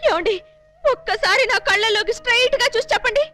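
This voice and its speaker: A woman's voice: very high-pitched, fast, pushed and bright, soft background music. A melodramatic lovestruck girl. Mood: wailing. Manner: pleading, wailing melodrama. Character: lovestruck young woman, melodramatic and scheming. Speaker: young woman in love. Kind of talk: Telugu film comedy acting.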